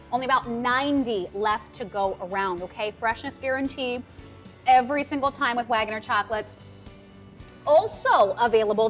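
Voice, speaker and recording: A woman hosting live home shopping TV, chatty and upbeat, pitching products and reading out item numbers and prices. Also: fairly bright tone. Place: TV studio.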